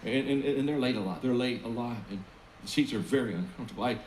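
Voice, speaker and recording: A man's voice: mid-range voice, quick pace. A man giving a motivational talk, telling stories and repeating words as he goes. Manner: lively, laughs at his own jokes, repeats words. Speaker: motivational speaker. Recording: echoey room with faint hum.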